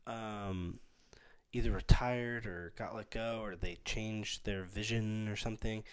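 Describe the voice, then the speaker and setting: A man's voice: on the low side, fairly even intonation, unhurried, clear, resonant tone. Young man, podcast co-host, rambling, hesitant, casual chat. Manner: rambling, hesitant, many ums.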